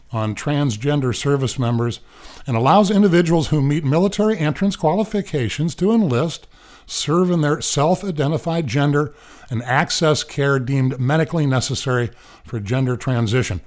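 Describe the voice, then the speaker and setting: A man's voice: medium pitch, darkish tone. A man hosting a radio show, reading the news casually and breaking off into rambling, joking asides. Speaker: radio host. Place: radio studio.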